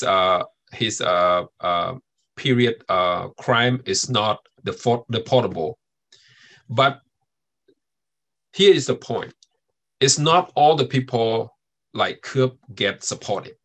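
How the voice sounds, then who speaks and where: A man's voice: on the low side, a bit bright. A man, speaking on a webinar panel as a community organizer, hesitant with many fillers.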